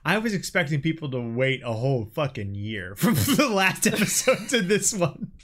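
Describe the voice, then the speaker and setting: A man's voice: fairly high pitch, sing-song, moderate pace, fairly bright tone. A young man co-hosting casually, swearing and laughing while he reads out an old screenplay he wrote. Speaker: co-host reading his old script. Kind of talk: casual chat and script reading.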